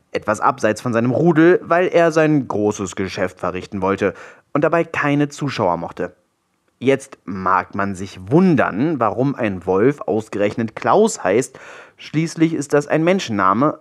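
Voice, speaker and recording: A man reading a children's storybook aloud, his intonation lively and swooping. He tells it playfully, with wry asides, at a mid pitch. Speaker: narrator.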